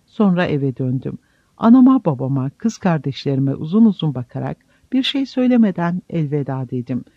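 Brief: male audiobook narrator, expressive and dramatic, dry and lo-fi. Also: a little high, a little fast, no room sound. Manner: dramatic storytelling. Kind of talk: audiobook reading.

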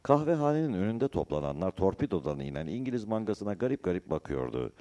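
A man narrates a novel in a measured storytelling manner. His voice is very low and dark in tone, yet it rises and falls expressively as he reads. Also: very animated, lo-fi sound. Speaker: audiobook narrator.

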